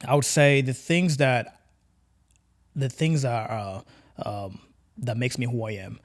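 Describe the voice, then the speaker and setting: A young man from Tanzania talks as a guest on a casual podcast. His voice sits in an ordinary middle pitch. He speaks earnestly and often restarts or repeats words as he works out what he means. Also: fairly even intonation, slow pace. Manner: earnest, repeats words while searching for phrasing.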